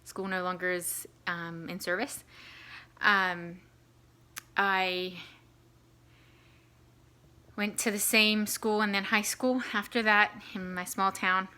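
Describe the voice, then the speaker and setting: A woman with a New Zealand accent tells her own story in a loose, chatty way, dropping in ums as she goes. Her voice is bright and fairly high, and her pitch stays quite level. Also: flat delivery, takes it slowly, long pauses, clean tone. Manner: chatty, laughs easily, many ums. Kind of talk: casual personal story to camera.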